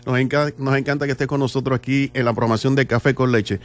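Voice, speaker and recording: A man's voice: medium pitch, fairly even intonation. Upbeat male radio host. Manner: upbeat, announcer-like opening, quick asides. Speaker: radio morning show host. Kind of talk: radio interview.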